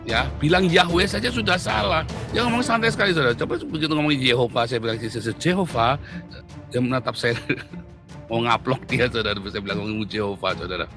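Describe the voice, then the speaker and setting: A middle-aged male pastor answering a question in an animated, emphatic way, repeatedly addressing his listeners directly. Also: medium pitch, fairly quick, music in the background. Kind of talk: preaching Q&A answer.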